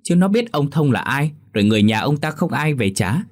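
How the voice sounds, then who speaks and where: A man voicing a greedy, nagging middle-aged village wife with a sharp, high voice. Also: sing-song, fairly quick. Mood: scolding.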